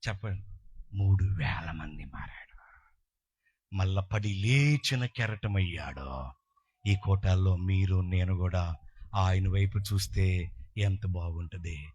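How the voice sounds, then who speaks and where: A male pastor from Andhra Pradesh preaching a sermon, swinging from hushed asides to fervent shouts. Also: low-pitched, slow, long pauses, slightly rough, lo-fi sound.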